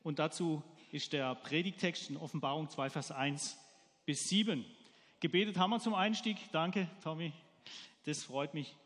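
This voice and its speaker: A man delivers a sermon, telling a homely story and asking his listeners questions. His voice sits high for a man. A long reverb trails behind him in a church hall. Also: normal speed, a bit bright. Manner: storytelling, asks the congregation questions. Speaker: preacher.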